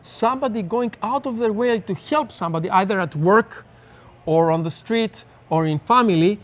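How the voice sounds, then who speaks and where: On a casual podcast, a Greek-accented neuroscientist guest speaks at normal speed in a high-pitched voice. His manner is earnest and reflective, and he leans on examples to make his explanations clear.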